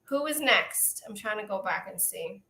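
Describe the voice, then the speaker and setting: A middle-aged woman with a Brooklyn, New York accent chats casually during a live-stream oracle card reading. Her medium-pitched voice has lively intonation at a moderate pace, and she warmly greets viewers and laughs heartily and often. The room sounds echoey.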